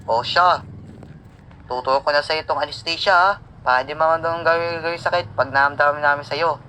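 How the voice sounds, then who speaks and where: A man voicing a calm, matter-of-fact middle-aged male doctor in a homemade animated cartoon. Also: fairly high pitch, brisk, slight background noise, low-quality recording.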